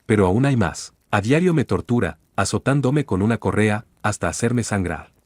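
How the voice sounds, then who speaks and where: A man with a low-pitched voice reads an old tale aloud, telling it dramatically. The sound is close and dry, with no room around it. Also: expressive, moderate pace, no room sound. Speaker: storyteller. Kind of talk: storybook reading aloud.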